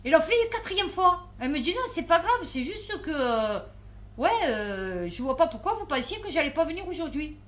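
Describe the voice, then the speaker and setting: Woman vlogger, tired, chatty storyteller, slightly high, bright and forward tone. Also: very animated, a little fast. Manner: chatty, swears, many fillers and restarts. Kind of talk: casual storytelling to camera.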